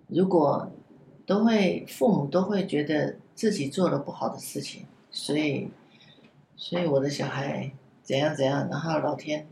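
A woman telling a personal story in a casual podcast chat, halting and repeating words as she goes. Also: low-pitched, vocal fry, darkish tone. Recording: roomy echo, faint background hiss.

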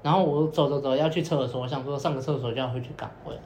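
Talking very fast in a medium-pitched, darkish voice with a steady tone, a young podcaster spins out a long, casual story. He rambles, repeats fillers often, and acts out quoted lines, all in a roomy, echoey recording with faint noise.

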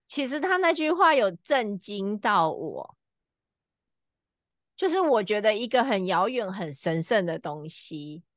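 A middle-aged woman co-hosts a relaxed podcast chat at a mid pitch. She tells a personal story with frequent filler pauses. The sound is close and dry, with little room in it. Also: dry recording. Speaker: podcast co-host.

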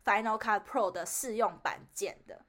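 A young woman with a Taiwanese Mandarin accent, co-hosting a podcast and telling stories in an animated way, acting out what people said. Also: medium pitch, moderate pace. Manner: animated storyteller who acts out quotes. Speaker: podcast co-host. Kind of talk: casual chat.

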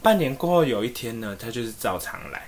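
Animated man telling a story. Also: mid-range voice, fast, slight background noise. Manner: animated, rambling, many fillers. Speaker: podcast co-host. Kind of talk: casual storytelling.

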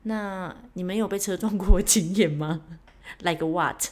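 A young woman hosts her own podcast, telling a story from her life on her own. She talks in a chatty, animated way and pokes fun at herself as she goes. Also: lowish voice, a little slow. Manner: chatty, self-mocking, animated. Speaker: podcast host. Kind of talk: casual solo storytelling.

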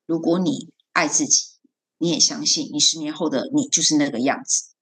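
A woman's voice: low voice, fairly quick, slightly rough. A woman coach, recounting a talk with a student in a podcast conversation and acting out the quoted lines. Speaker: guest coach and homeroom teacher.

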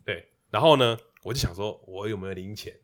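A man's voice: on the low side, brisk. A man telling a story in casual podcast chat, laughing often and acting out the people he quotes. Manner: animated, laughing storyteller who acts out quotes. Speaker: podcast host.

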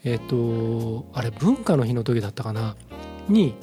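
A man co-hosting a casual podcast, talking in a relaxed, hesitant way with many fillers. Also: mid-range voice, unhurried, faint music behind. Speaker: podcast co-host.

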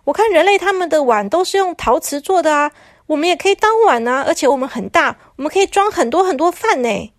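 A woman's voice: sits high, fast, no room sound, clean studio sound, pitched above the performer's own voice. A woman voicing chattering talking toilets. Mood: excited. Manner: excited, bickering. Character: chatty talking toilets, boastful then sulky.

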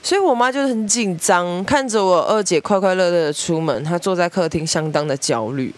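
Young taiwanese woman podcasting, lively storyteller, acts out her family's voices. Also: on the low side, brisk. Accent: Taiwanese Mandarin. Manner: lively storyteller, mimics family members, laughs often. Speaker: podcast host. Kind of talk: storytelling monologue.

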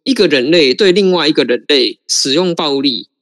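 A man's voice: fairly high pitch, expressive, moderate pace, a bit bright, no echo. Emphatic Taiwanese man arguing a point. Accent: Taiwanese Mandarin. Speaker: podcast co-host. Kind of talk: casual podcast chat.

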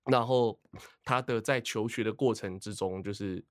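A man in his thirties with a Taiwanese Mandarin accent, chatting on a podcast, telling a story with animated, laughing delivery. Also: normal speed, no room sound, clean studio sound. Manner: animated storytelling, acts out quotes in a high squeaky voice, laughs often. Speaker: podcast co-host. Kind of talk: casual chat.

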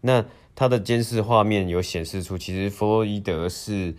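A man with a low, deep voice speaks. He co-hosts a casual news discussion. He talks haltingly, restating phrases and dropping in English words. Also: fairly even intonation. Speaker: podcast co-host.

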